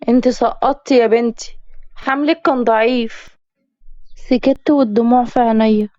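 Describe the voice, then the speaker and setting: A woman with an Egyptian accent voicing a calm, gentle father consoling his daughter in a spoken story. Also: fairly high pitch, moderate pace, no room sound, highs cut off, lightly acted. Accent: Egyptian Arabic.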